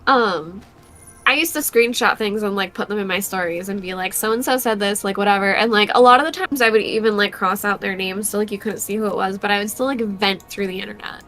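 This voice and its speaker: A woman's voice: medium pitch, a little fast, sharp tone. A young woman co-hosting a board game stream, talking casually with many fillers while she plays. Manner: chatty, many fillers, laughs often. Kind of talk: casual chat while playing.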